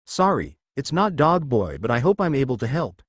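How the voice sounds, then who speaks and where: A man's voice: medium pitch, very animated, normal speed, husky, no echo. A man doing a blunt, caring teen ninja. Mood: earnest. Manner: dry and frank.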